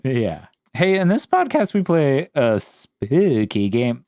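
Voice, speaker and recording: A man's voice: medium pitch, very animated, slow, a little mellow, dry recording, clean studio sound. A young man co-hosting a podcast, joking and tripping over his words in casual chat. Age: young adult. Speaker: podcast co-host.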